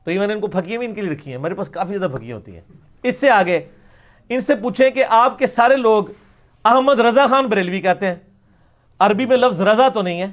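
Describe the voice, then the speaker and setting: A man giving an emphatic question-and-answer lecture, repeating words to demonstrate how they are pronounced. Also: high-pitched. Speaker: religious lecturer.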